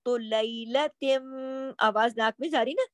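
A woman's voice: a little high, normal speed, dry recording. A woman teaching Quran recitation rules, stretching out example words and then explaining them.

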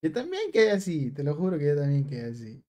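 A man's voice: a little high, huge pitch swings, fast, dark tone. A young man streams a game, reading chat aloud and teasing viewers. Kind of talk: live stream chat while gaming.

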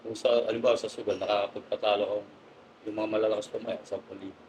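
A man guest telling animated, laughing anecdotes in a casual interview, polite and respectful to his host. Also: fairly low pitch, fast talker, a little hiss or hum, poor audio. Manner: polite, says "po" and "sir". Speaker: guest pigeon racer.

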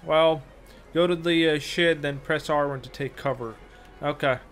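Bright-voiced young guy playing games. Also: on the high side, fairly even intonation, normal speed, faint music behind. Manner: reads on-screen prompts, loose and joking. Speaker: gaming channel host. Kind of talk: casual gameplay commentary.

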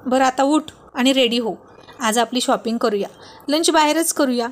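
A woman's voice: high voice, normal speed, close to an everyday voice. A woman voicing a cheerful, practical young wife with a light, teasing way of talking.

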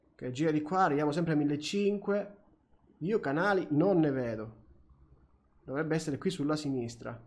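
A young Italian man commenting on his flight simulator gameplay, excitable, swearing often and talking to himself and the plane. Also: medium pitch. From Italy. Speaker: gaming youtuber. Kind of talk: flight sim let's play commentary.

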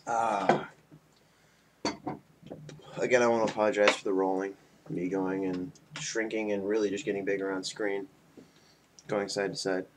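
A man's voice: lowish voice, level tone, normal speed, long pauses. A man in his twenties, tipsy from beer, rambling casually and loosely to his friends in a homemade webcam vlog. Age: 20s. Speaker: video blogger. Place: small indoor room at home. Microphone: webcam mic at about arm's length. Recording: faint noise on webcam audio.

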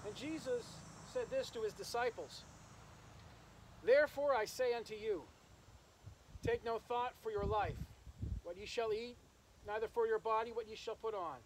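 A high-voiced man, a minister officiating a funeral, preaches a graveside sermon with scripture reading and prayer in an open rural cemetery. The rough recording comes from a camera several metres away, with insect and nature noise in the background.

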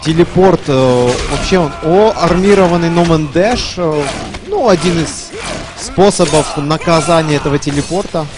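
A man's voice: on the high side, moderate pace. A man giving casual live commentary on a fighting game tournament, chatty, with playful asides. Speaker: esports commentator. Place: live gaming tournament event.

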